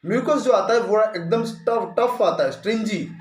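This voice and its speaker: A man's voice: high voice, normal speed, soft background music. A male homeopathy doctor giving a clinical lesson in Hindi, explaining symptoms plainly and mixing in English medical terms. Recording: echoey room.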